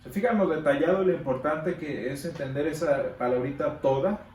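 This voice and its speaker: A man with a fairly high voice teaches a Sunday school Bible lesson, stressing points by repeating words and pausing on fillers. He sounds set back from the mic in an echoey hall. A faint hiss sits under him. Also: darkish tone. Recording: echoey room from a distance, faint background noise.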